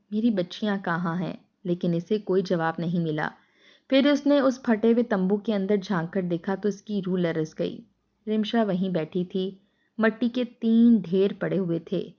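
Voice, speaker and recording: A woman's voice: mid-range voice, highs cut off. A woman narrating a scripted sad story in a somber, moralizing manner.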